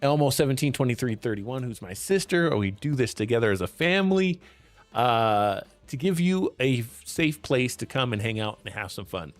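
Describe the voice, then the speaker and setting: A man's voice: mid-range voice, big pitch swings, normal speed, dry recording, faint music behind. A young man hosting a casual gaming stream, chatty and laid-back, talking while his voice is worn. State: losing his voice. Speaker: streamer host.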